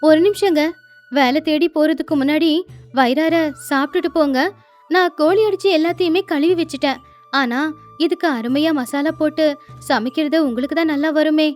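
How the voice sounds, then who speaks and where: A woman voicing a caring, steady young village wife in a storybook cartoon, soothing and consoling, with faint music underneath. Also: high voice, normal speed, lightly acted. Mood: coaxing.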